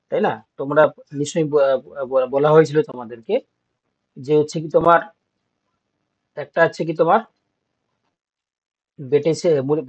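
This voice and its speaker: A man's voice: on the high side, darkish tone. Man teaching a class, dull recording. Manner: explains step by step, asks checking questions. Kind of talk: exam-prep class lecture.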